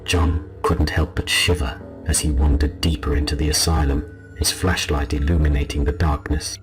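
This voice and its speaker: A man narrating a scripted scary story as a storyteller, in a low, haunting and ominous delivery. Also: flat delivery, normal speed. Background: music behind the voice.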